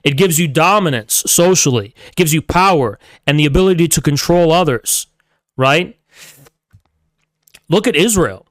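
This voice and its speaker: A streamer and political commentator delivers a casual livestream monologue, ranting bluntly and profanely and repeating rhetorical questions to hammer his points home. His voice is a little high and a bit bright, with lively intonation and a moderate pace, on a dry recording.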